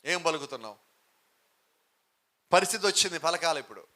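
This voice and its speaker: A man's voice: on the high side, lively intonation, brisk, bright, forceful tone. A man preaching a sermon with emphatic rhetorical questions, now and then mixing in English phrases. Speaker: pastor.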